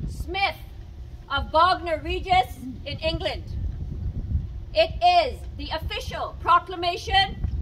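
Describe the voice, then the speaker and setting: A woman's voice: extremely high pitch, fairly bright tone. A woman town crier delivering a formal, declamatory ceremonial proclamation, projecting her voice outdoors. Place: outdoors on building steps before onlookers. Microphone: camera a few metres away. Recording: noisy outdoor recording from camera.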